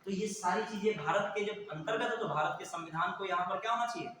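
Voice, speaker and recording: A man's voice: high-pitched, quick pace, pushed and bright, slight background noise. A male teacher lecturing a class, quizzing students and repeating their answers. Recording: echoey classroom from far off.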